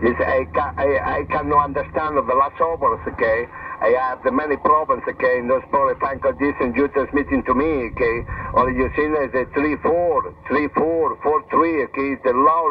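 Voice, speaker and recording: A man's voice: medium pitch, moderate pace, muffled recording. A man from Spain with a Spanish accent, a ham radio operator heard over a fading shortwave radio link, apologizing often and asking "okay?" after his sentences. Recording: faint hissy distant shortwave radio.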